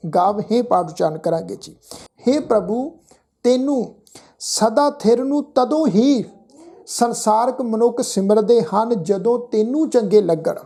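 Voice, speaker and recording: A woman from Punjab, India, teaching how to pronounce scripture. She recites line by line in a slow, measured way and spells out each sound with care. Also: a little high, mellow. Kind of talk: religious pronunciation lesson.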